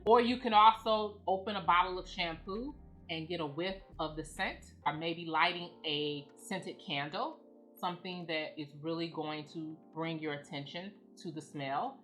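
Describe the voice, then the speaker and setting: A woman giving calm, measured instructions as she guides listeners through a grounding exercise. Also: fairly low pitch. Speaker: presenter of anxiety grounding techniques. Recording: music playing behind the voice. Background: background music.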